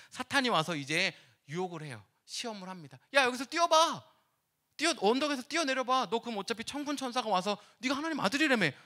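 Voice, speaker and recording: A man who is a pastor, giving a lively sermon with acted-out quotes and laughs in a church. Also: high voice. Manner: animated, acts out dialogue, laughs with the congregation. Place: church sanctuary.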